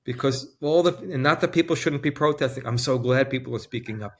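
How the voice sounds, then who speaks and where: A man guest in an interview, speaking earnestly and with deep feeling, close to tears at times. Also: brisk. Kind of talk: emotional conversation.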